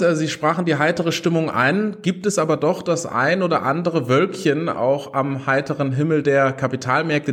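A man hosting a formal interview podcast, addressing his guest and listeners courteously. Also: fairly high pitch.

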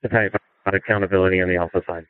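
A deep-voiced man acts as a fire incident commander, dispatching on the fireground in rapid-fire, businesslike bursts. His intonation stays fairly even, and his tone comes through clear and resonant despite the narrow, phone-like radio audio.

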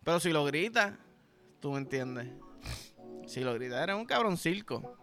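A young man with a Puerto Rican accent rants through a solo comedy podcast, swearing freely and slipping into the voices of the people who annoy him. His voice sits high and sounds bright. Faint music plays underneath. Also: animated, normal speed. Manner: profane, ranting, acts out quoted people. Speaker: podcast host.

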